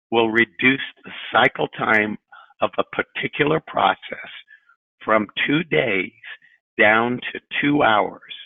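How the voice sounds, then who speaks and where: A middle-aged company president and CEO delivers a prepared corporate earnings presentation, formal and measured, in deliberate phrases. His mid-range voice is creaky and dry, coming through a telephone on a conference call over a narrowband, tinny line.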